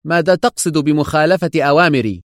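A man voicing a harsh, commanding male crime boss in an audiobook, sharp and angry as he barks orders. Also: a little high, very animated, fast talker, dry recording, clean studio sound, voice pushed up.

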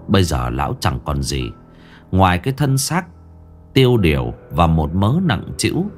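Deep-voiced man telling a ghost story. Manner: grave, expressive storytelling. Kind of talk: dramatic ghost story narration.

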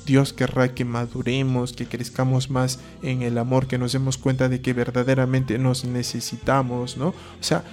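A man's voice: mid-range voice, completely flat delivery, normal speed, hardly any pauses, a little mellow, soft background music. A man, a priest giving a conversational talk on faith, asking rhetorical questions and acting out short dialogues. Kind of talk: conversational preaching.

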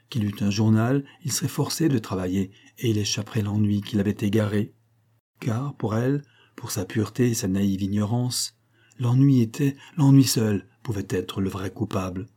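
A man narrating a classic novel as an audiobook in a measured, even reading. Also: lowish voice. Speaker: audiobook reader.

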